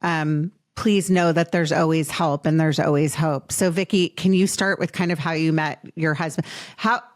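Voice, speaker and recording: A woman's voice: low voice, fairly even intonation. A woman in her late twenties hosting a podcast interview, speaking earnestly and affectionately to her guest. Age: late 20s. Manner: earnest and affectionate, slow in emotional moments. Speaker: podcast host.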